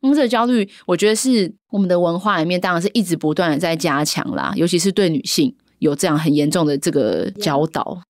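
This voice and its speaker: A woman in her thirties co-hosting a casual chat show, telling stories with animated mimicry of relatives. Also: lowish voice, quick pace, few pauses, no echo, clean studio sound. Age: 30s. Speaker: podcast co-host.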